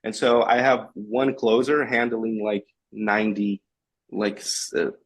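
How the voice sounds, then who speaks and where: A Brazilian man, a native Portuguese speaker, presents a sales case as a guest on a casual video call, speaking English earnestly and plainly. His lowish voice is flat and a little slow, and he often corrects himself.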